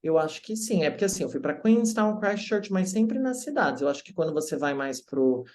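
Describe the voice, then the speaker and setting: A man from Brazil, an English teacher telling stories in a casual interview, lively and acting out the voices of people he quotes. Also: a little high, a little fast. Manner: animated, acts out quoted voices.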